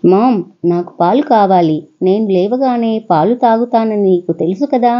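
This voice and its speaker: A woman's voice: medium pitch, normal speed, muffled recording, close to an everyday voice. A woman voicing a spoiled young boy who whines and orders his sister around. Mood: bossy. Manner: whiny, demanding, rude.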